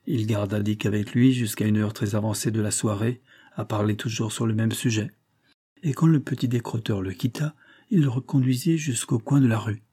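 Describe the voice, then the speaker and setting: Husky, dark-voiced male storyteller. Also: lowish voice, normal speed. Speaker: audiobook narrator. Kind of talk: scripted storybook narration.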